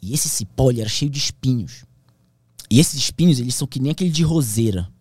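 Speaking fast and animatedly in a medium-pitched, darkish, husky voice, a man who is a pilot recounts his survival as a podcast guest. His slangy, intense telling occasionally sinks to a whisper, emotional storytelling within a casual conversation. The studio sound is clean, with no room sound.

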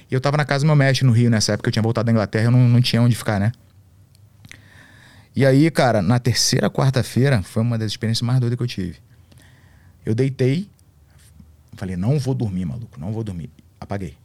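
Brief: man, podcast guest, animated storyteller, dry close sound. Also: medium pitch, no echo. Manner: slangy, animated storytelling full of swearing. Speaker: podcast guest, MMA coach. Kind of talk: casual storytelling.

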